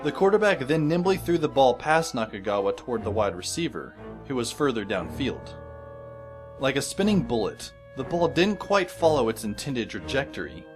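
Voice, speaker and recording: A man with a medium-pitched, natural voice that swings widely in pitch speaks at a moderate pace, playing a wry, observant teenage schoolboy. As the first-person narrator of an audio drama, he's intent and wordy in his descriptions, with music playing behind him.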